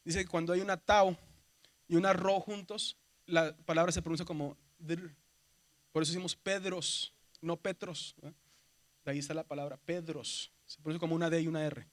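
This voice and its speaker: A Mexican man with a Mexican Spanish accent teaches a seminary class, his voice a little high and his delivery flat at a normal pace. He lays things out step by step, keeps checking in with "¿verdad?", and calls his students "hermanos," or brothers, throughout the lecture.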